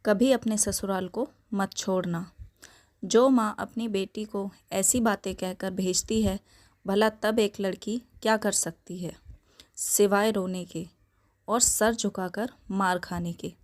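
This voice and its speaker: A woman narrating a sad story in the first person, in a slow, emotional telling. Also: medium pitch, a little mellow.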